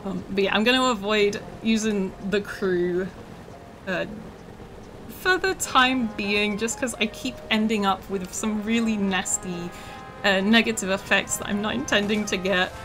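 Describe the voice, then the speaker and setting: Woman streamer with a scratchy, rough voice. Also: medium pitch, fairly even intonation, unhurried, fairly bright tone, soft background music. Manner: chatty, with many ums and uhs. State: scratchy, rough voice from feeling unwell. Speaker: game developer streaming a demo. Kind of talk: casual livestream commentary.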